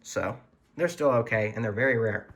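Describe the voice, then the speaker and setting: A man with a lowish, husky voice speaks at a moderate pace. He's hosting a casual show-and-tell video from his room at home, showing off his weather radio collection in an informal, earnest hobbyist way.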